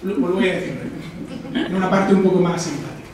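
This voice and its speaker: A man's voice: high-pitched, fairly even intonation, brisk, crowd noise. Lecturing man in an echoey hall. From Almería, Spain. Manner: reflective, asks the audience questions. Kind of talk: live talk to an audience. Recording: echoey hall, distant mic.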